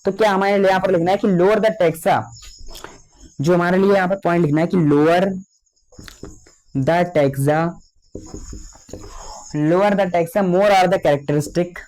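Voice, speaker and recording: Young male biology tutor, fairly high voice, drags out key words to dictate notes. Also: steady tone, a little mellow. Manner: slow, drawn-out dictation of key terms; repeats fillers addressing students as children. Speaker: biology teacher. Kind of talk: lecture.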